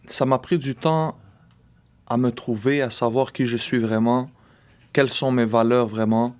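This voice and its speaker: Telling his life story as a personal testimony, a Québécois man in his late thirties from Quebec, Canada, speaks reflectively and measuredly, with small hesitations. His voice is medium in pitch, steady, and somewhat dark in tone.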